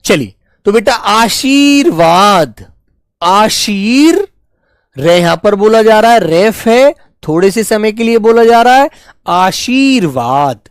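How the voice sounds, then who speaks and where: A man teaching Hindi spelling in a live online class, patiently repeating each word slowly and fondly addressing his students as children. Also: high voice, a little mellow, smooth, dry recording, studio quality.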